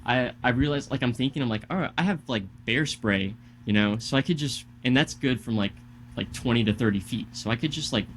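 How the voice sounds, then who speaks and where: A man's voice: mid-range voice, fairly quick, slight background noise. Heated, cursing young man telling a story. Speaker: podcast co-host. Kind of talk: casual podcast chat.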